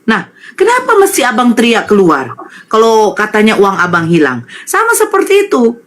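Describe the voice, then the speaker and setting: A woman's voice: a little high, huge pitch swings, moderate pace. A woman in a heated interfaith debate, pressing her opponent with rhetorical questions and made-up examples.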